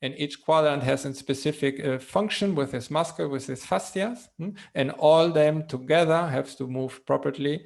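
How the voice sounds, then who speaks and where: A non-native English speaker, a man with a thick foreign accent, explains in lecture style, haltingly searching for words and adding questioning tags. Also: on the high side, gravelly, darkish tone. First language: not English. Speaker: presenter, physical therapy educator.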